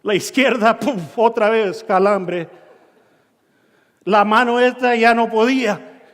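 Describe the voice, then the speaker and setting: A man preaching a sermon, telling a personal story and acting out his own shouts and dialogue, in a church hall. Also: extremely high pitch, fairly even intonation, slow. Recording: long reverb of a church hall.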